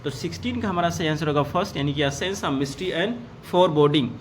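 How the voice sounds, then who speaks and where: A man with a slightly high voice gives an exam-prep lesson. He reads multiple-choice questions aloud in slowly and deliberately, then explains each answer in a brisk, conversational way. Faint background noise sits under his voice. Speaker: teacher.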